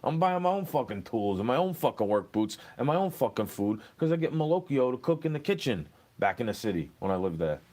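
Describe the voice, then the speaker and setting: A young man rambles and swears in a street interview, sounding aggrieved as he answers questions. His mid-range, slightly mellow voice swings widely in pitch, and he talks a little fast with hardly any pauses.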